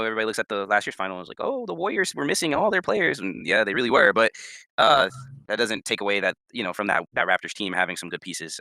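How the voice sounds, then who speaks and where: Young man, casual sports chat, quick, bright, dry close sound, rambling, repeats himself. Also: smooth, no room sound. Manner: rambling, repeats words, pitch jumps when emphatic. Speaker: podcast co-host.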